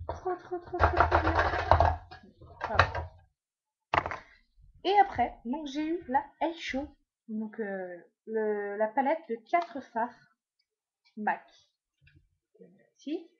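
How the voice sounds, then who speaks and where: At home indoors, a woman from France talks casually through her makeup haul as a beauty vlogger, wandering into trailing asides and using lots of fillers. Her voice is medium-pitched and a little mellow, and the recording sounds muffled.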